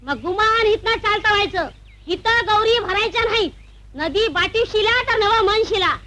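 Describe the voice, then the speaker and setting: A woman's voice: extremely high pitch, moderate pace, sharp tone, slight background noise. An actress playing a scornful village woman who shrilly chases others away, in an old film drama.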